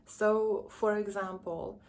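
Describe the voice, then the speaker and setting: A woman's voice: mid-range voice, little pitch movement, slow, darkish tone. A woman from Lithuania, a relationship coach giving earnest, chatty advice to camera and drawing on her own upbringing. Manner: earnest, chatty, candid with personal stories. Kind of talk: direct-to-camera advice vlog.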